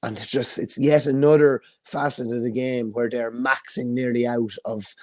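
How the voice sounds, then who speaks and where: A man's voice: medium pitch, fairly even intonation, moderate pace, no echo, studio quality. A young Irish man on a video call, enthusiastically talking through hurling statistics. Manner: enthusiastic, stat-driven. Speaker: hurling analyst. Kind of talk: casual sports analysis.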